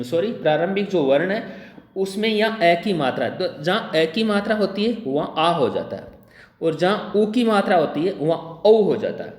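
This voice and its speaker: A man teaching Hindi grammar for exam preparation, repeating wrong and right spellings one after another and often clearing his throat. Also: high-pitched, darkish tone. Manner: drills by repeating the wrong and right word forms. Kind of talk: exam-prep spelling lesson at a board. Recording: echoey room with long reverb.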